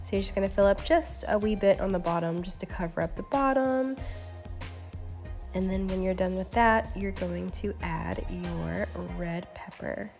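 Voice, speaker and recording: A woman's voice: medium pitch, normal speed, gravelly. Woman giving easygoing recipe steps. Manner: relaxed, instructive, easygoing. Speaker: cooking channel host. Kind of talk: recipe voice-over. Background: faint background music.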